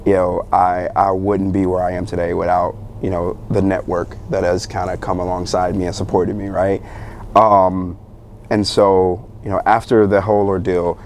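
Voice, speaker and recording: A young man, a guest on a talk show, telling his story in a loose, animated way, with many fillers and bursts of laughter. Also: low voice, moderate pace, slight background noise. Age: young adult. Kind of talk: casual storytelling interview.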